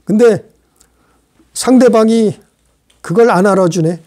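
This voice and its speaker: Male preacher with a high voice, delivering an emphatic sermon that builds through repetition. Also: unhurried, dark tone. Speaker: pastor.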